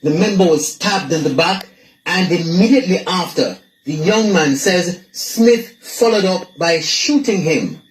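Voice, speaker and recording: A reporter reading a scripted news narration in a measured, formal way. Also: medium pitch, reverberant, poor audio.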